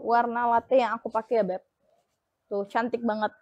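A young woman with a high, bright-toned voice runs an online live sale, repeating her pitch and calling viewers sweet names. The sound is close and dry, with no room echo. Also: flat delivery, normal speed, dull audio. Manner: upbeat, repetitive selling patter with pet names. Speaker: online shop live seller. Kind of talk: live-stream sales pitch.

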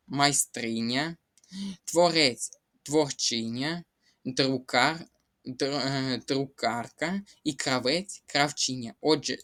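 A man's voice: medium pitch, a bit bright. A man tutoring for an exam, walking through test answers methodically and repeating key words and rules. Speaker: Ukrainian language tutor. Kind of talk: exam walkthrough lesson.

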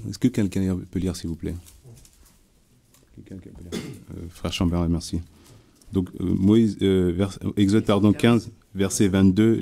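A man's voice: deep voice, creaky, mellow, a little hiss or hum. A man from France leading a Bible study, preaching informally and sharing a testimony, talking conversationally with frequent repeats and restarts.

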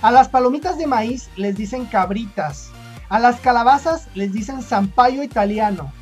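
A Mexican woman chats through her topic for her viewers, with a Mexican accent and casual fillers. Her voice sits slightly high, with soft music playing underneath. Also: moderate pace. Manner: chatty, thinking aloud with fillers. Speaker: video host. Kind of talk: casual explanatory commentary.

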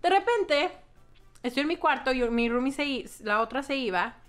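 A woman's voice: high-pitched, expressive, moderate pace, a bit bright, faint music behind. A young adult woman with a Mexican accent, telling a storytime to her vlog audience in a casual, gossipy way, full of slang and the odd swear. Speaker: vlogger.

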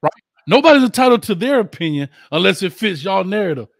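Host man, high voice, bluntly teasing and slangy on a sports show, dry mic. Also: big pitch swings, fast, vocal fry, no room sound. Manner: blunt, slangy, teasing, reads viewer comments aloud. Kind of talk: casual sports talk show.

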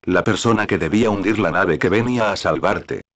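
A man's voice: deep voice, fairly quick. A man reading the part of a young orphan girl in an audiobook, speaking in an earnest, pleading way.

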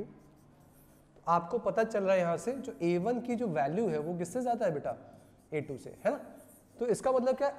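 A man's voice: sits high, mellow. A male physics teacher giving a classroom lecture, asking rhetorical questions and repeating the answers. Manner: asks rhetorical questions and repeats answers, calls students "beta". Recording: long hall reverb.

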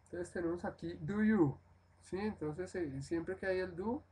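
Slow, patient male English teacher. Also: high-pitched, mellow, husky. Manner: slow, patient explaining, repeating phrases with frequent "¿sí?". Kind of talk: live-streamed English lesson.

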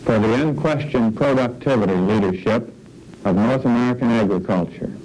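A middle-aged man presenting an educational film on farm management, explaining in a measured way and posing questions, seated in an office. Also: medium pitch, darkish tone, low-quality recording. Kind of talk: scripted educational narration.

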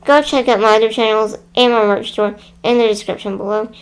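A woman's voice: fairly high pitch, steady tone, a little fast, clean tone. A woman hosting a storytime video, chatting cheerfully about a children's book and thanking her viewers. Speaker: channel host reading a children's book. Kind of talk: casual storytime chat.

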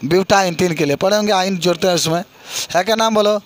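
A middle-aged man speaks fast in a high voice, with an eastern Uttar Pradesh Hindi accent. He teaches chemistry to a class, quizzing the students and encouragingly repeating their answers.

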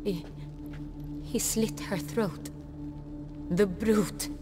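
A woman's voice: medium pitch, very slow. An actress playing a regal noblewoman traveling incognito in a video game, speaking in formal, commanding lines. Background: game music.

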